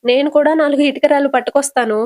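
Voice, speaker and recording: Gossipy indignant friend, read by a woman, high and dry. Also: fairly even intonation, fast, darkish tone, no echo, natural voice.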